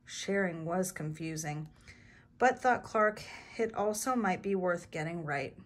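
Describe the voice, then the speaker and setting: A woman teacher reading a picture book aloud to children, animated and asking her listeners questions. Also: on the low side, a little slow.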